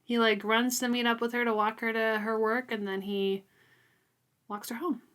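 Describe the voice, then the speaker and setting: A woman co-hosts a podcast, chatting casually about a book and constantly saying "like" and "super." Her voice sits a little high and a bit bright, with a level tone and moderate pace.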